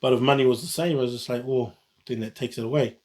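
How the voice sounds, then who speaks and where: Speaking fast in a mid-range, slightly mellow voice with fairly even intonation, a New Zealand vlogger rambles casually by himself. He keeps restarting and correcting what he says.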